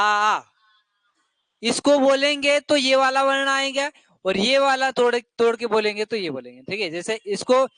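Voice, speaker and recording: A man's voice: extremely high pitch, pushed and bright, clear, resonant tone, no echo. Man teaching a class, dry room sound. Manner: repeats questions to the class, drills answers. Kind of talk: classroom lesson.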